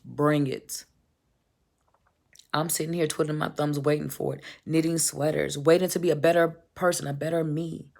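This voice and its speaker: A woman's voice: low-pitched, steady tone, normal speed, creaky, a little mellow. A woman giving an emphatic, blunt motivational monologue, swearing casually and calling the listener baby. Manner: emphatic, preachy, repetitive. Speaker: vlogger.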